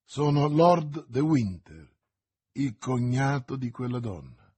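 A man's voice: mid-range voice, sing-song, takes it slowly, darkish tone, breathy edge, full character voice. A man reading a stern, cold English lord.

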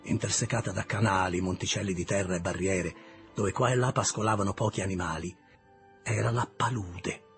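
A man narrating an audiobook in a measured, deliberate reading style, with a husky voice. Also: deep voice, steady tone, soft background music. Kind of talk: scripted literary narration.

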